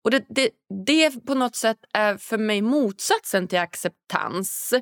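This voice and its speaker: A woman's voice: on the high side, lively intonation, no echo, studio quality. A woman hosting a podcast conversation who agrees readily and asks her guest questions. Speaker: podcast host.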